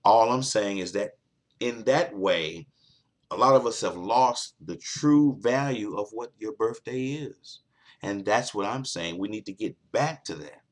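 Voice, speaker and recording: Deep-voiced man giving an earnest talk. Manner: earnest, repetitive, emphatic. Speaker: talk show host. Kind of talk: motivational monologue.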